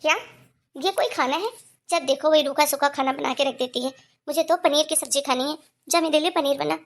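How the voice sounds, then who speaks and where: A woman's voice: high voice, brisk. A woman voicing a sly, complaining older mother-in-law in a cartoon, with whiny dramatic grumbling. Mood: demanding.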